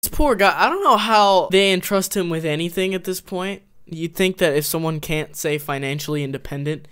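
A man's voice: high voice, normal speed, a bit bright, clean tone. A man hosting a reaction video, chatting casually, swearing and mocking what he watches.

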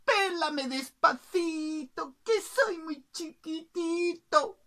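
A woman voicing a tiny bird that pleads in a slow, sing-song way. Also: extremely high pitch, lively intonation, fairly bright tone, voice pushed up, exaggerated voice. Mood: pleading.

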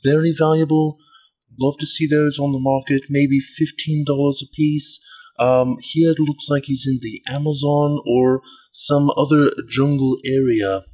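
Man doing a slow, polite golf announcer. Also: fairly high pitch, steady tone. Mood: measured, polite. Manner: hushed-reverent golf commentator delivery, measured and deliberate. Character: mock golf announcer, male, polite, earnest, calling an unboxing. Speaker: commentator. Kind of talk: mock sports commentary.

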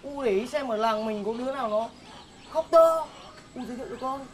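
A man's voice: extremely high pitch, brisk, slight background noise. An actor playing a boastful young village man who leads a hired mourning troupe, speaking brashly. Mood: boasting.

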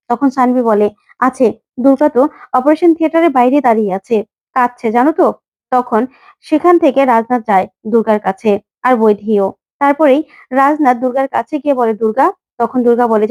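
A woman's voice: high voice, a little mellow. A woman retelling a TV serial episode, voicing each character's lines in her own voice.

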